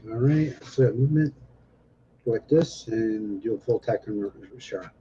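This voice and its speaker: A man playing a tabletop game, thinking his moves out loud and a little unsure. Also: fairly low pitch, moderate pace, dull audio, slight background noise. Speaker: player. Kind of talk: casual tabletop game chat.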